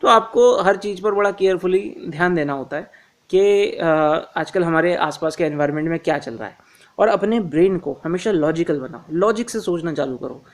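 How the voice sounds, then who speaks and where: A man giving informal career advice to viewers, calling them friends, repeating his reminders and often pausing on filler sounds. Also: high voice. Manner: addresses listeners as friends, frequent "uh" fillers; instructive, repeats key reminders.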